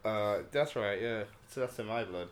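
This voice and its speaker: A man's voice: lowish voice, normal speed, roomy sound, a little hiss or hum. A man chatting casually as a podcast co-host, ribbing his friend with dry, teasing banter. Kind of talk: casual chat.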